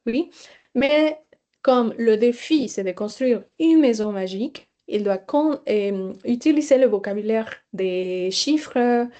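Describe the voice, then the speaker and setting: A woman teacher walks listeners through a webinar presentation, explaining hesitantly with fillers and restarts. Her voice is mellow and sits slightly high. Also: expressive, slow pace, muffled recording.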